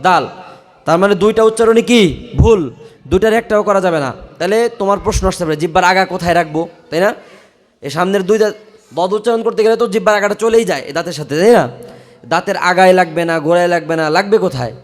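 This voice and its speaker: A man teaching a Quran recitation class in a madrasa classroom, chanting verses slowly and drawn out, then explaining pronunciation briskly with many checking questions, in a Bangladeshi Bengali accent. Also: high-pitched.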